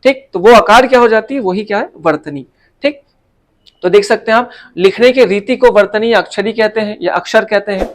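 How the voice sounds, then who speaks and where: A man's voice: sits high, brisk. A man who teaches Hindi and walks through exam answers step by step, with many tag questions and fillers. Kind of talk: casual exam answer walkthrough.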